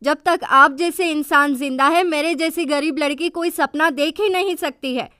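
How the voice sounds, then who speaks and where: Woman voicing a heartbroken, defiant young heroine for a storybook recap, high and emotional. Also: moderate pace, pushed and bright, dry recording, studio quality. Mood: accusing. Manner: pleading, emotional.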